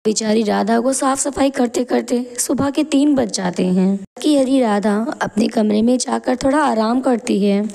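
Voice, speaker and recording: A woman narrating an animated moral story in a plain, steady telling style. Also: on the high side, normal speed, gravelly, few pauses.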